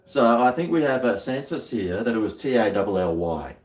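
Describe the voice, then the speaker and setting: A man's voice: medium pitch, lively intonation, normal speed, darkish tone. An Australian man chatting casually to viewers over a beer, rambling in a laid-back, slangy, working-bloke way. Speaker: livestream host. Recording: roomy echo, distant microphone.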